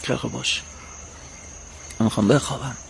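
An actor playing a sleepy grown son who answers in terse, drowsy mumbles. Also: male voice, mid-range voice, fairly even intonation, vocal fry, slight background noise. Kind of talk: radio drama acting.

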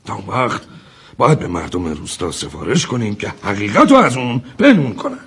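An actor playing a solicitous, persuasive village man in a drama, with a rough, husky voice. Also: lowish voice, sing-song, fairly bright tone, exaggerated voice. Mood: grave.

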